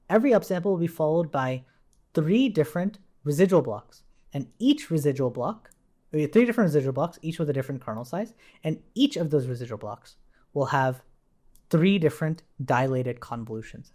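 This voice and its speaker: A male programming instructor teaches an informal live coding lesson, explaining each step as he types and frequently checking in with short tag questions. His voice is a little high and a little mellow.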